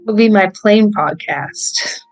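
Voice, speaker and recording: A woman's voice: mid-range voice, takes it slowly, soft background music, rough recording. A young woman co-hosting a podcast, chatting in an easygoing, laughing way. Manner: easygoing, laughing, short replies. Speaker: podcast co-host. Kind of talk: casual chat.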